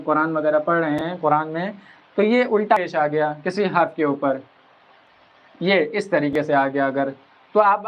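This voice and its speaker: A man teaching a Quran reading lesson, explaining patiently and drawing out each sound slowly as he spells it. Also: fairly high pitch, a bit bright. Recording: dull lo-fi recording.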